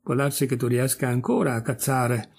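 A man's voice: medium pitch, steady tone, moderate pace, vocal fry, darkish tone, breathy edge. A man voicing a weak, starving male dog who argues stubbornly in a storybook reading.

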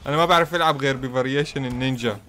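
A man commentating his own fighting-game match, excitable and teasing his opponent as he plays. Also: mid-range voice, rapid-fire, faint music behind. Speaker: gaming channel host. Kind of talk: gameplay commentary.

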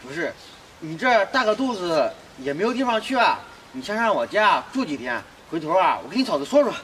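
A man playing a kindly single scrap collector who talks with warm concern. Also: sits high, very animated, a little fast, a little hiss or hum. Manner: warm-hearted, concerned, chatty.

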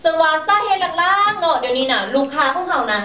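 A woman's voice: high-pitched, animated, fast, pushed and bright, echoey room, recorded from a distance, slight background noise. A woman playing an eager female staffer who explains a sales plan in a stage comedy sketch. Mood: earnest. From Laos.

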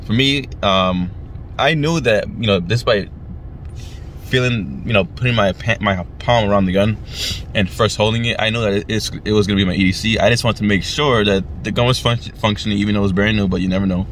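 A young man, chilled by the cold, chatting casually and haltingly to camera inside a car. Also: lowish voice, a bit bright, slight background noise. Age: young adult. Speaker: vlogger.

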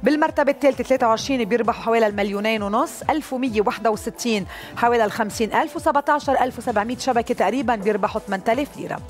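A woman's voice: a little high, racing, soft background music. A woman with a Lebanese accent hosting a live TV lottery show in a chatty way from a studio. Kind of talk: live TV presenting. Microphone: headset.

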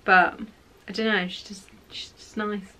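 A woman's voice: medium pitch, flat delivery, unhurried, pushed and bright. A young woman chatting casually to her camera, opinionated and full of fillers. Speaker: vlogger. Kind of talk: casual chat. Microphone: camera mic.

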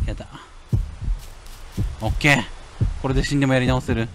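A man giving lively let's-play commentary on a horror game, muttering to himself and then yelling at scares. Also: a little fast, noisy background. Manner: animated, jumps from low mutters to yelps and shouts. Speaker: game streamer.

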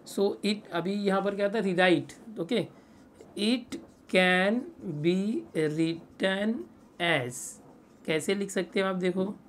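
Patiently working step by step through a maths lesson, a man poses rhetorical questions and reads English statements out slowly, one word at a time. His voice is high-pitched, and there is a slight hiss or hum.

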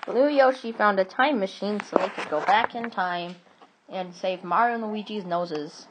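A woman animatedly improvises a storybook tale, adding sound effects and stumbling into restarts. Her voice is medium-pitched at a moderate pace, with a noisy background.

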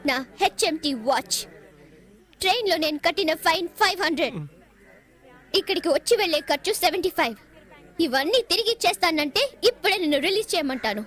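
An actress playing a headstrong, sharp-tongued young woman in dubbed film dialogue, talking in a defiant, scolding way. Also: very high voice, expressive, fast. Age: young adult.

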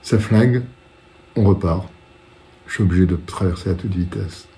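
A man in his sixties speaking as a war correspondent, recounting his reporting in the first person with dramatic pauses and repetitions, recorded in a living room. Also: deep voice, dark tone, a little hiss or hum. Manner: dramatic storytelling with repeated phrases and pauses.

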